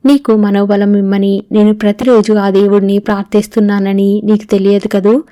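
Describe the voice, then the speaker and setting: A woman's voice: mid-range voice, level tone, normal speed, dark tone, dry recording, studio quality, natural voice. A woman reading as a dying young daughter. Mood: sorrowful. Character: young woman, terminally ill, writing to her father. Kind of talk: audiobook reading of a novel.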